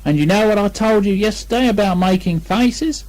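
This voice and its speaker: A man voicing a brisk, motherly female kangaroo in a storybook reading, cheerful and firm. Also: high-pitched, darkish tone, pitched above the performer's own voice, lightly acted, rough recording.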